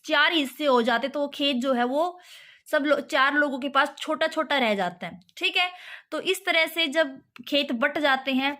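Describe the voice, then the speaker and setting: Woman teacher going over lesson, bright voice, keeps saying ok and repeating stuff. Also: sits high. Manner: repeats key terms, frequent "ठीक है" check-ins. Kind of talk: classroom geography lesson.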